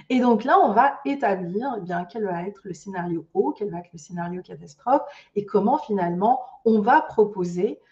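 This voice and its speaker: A woman's voice: medium pitch, a little mellow. Woman trainer, dull distant mic. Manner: loose spoken delivery with many fillers and restarts. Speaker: ecotourism business trainer. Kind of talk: online master class talk.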